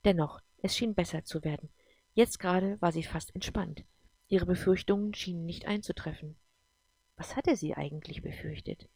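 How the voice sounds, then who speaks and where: A woman reading a novel aloud as narrator, in an even storytelling manner. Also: fairly low pitch, moderate pace, vocal fry, slightly rough, no room sound. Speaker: audiobook narrator. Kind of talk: scripted narration.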